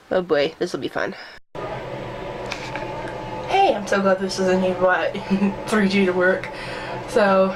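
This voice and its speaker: Her voice is fairly low, recorded with poor audio and a bit of background noise. Indoors at home, this vlogger talks casually to camera for her daily vlog while sick and stuffy-nosed, her voice fading in and out as she laughs and pokes fun at herself.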